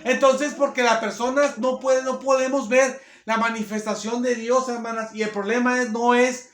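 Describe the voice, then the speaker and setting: A man's voice: very high-pitched, level tone, normal speed, a bit bright, reverberant. A man preaching a sermon in a church, repeating his points emphatically and often addressing the sisters. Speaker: pastor.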